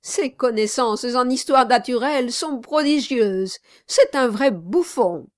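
A flattering, obsequious lawyer simpers in a slightly raised voice, as a woman reader plays him. Storybook telling, recorded dry and close. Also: a little high, slow pace, dry recording, pitched above the performer's own voice. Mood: fawning. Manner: fawning, flattering. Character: fawning, obsequious male lawyer.

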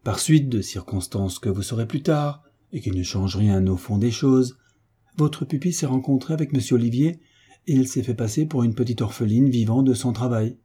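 A man voicing a calm, patient hunchbacked marquis in an audiobook, explaining things soothingly. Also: mid-range voice, normal speed, breathy edge, close to an everyday voice.

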